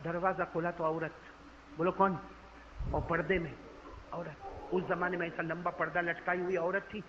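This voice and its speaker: A man's voice: sits high, level tone. A man preaching a storytelling sermon to a congregation, dramatic and speaking directly to his listeners, on a dull, slightly noisy recording. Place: gathering before a congregation. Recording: dull lo-fi recording with faint noise.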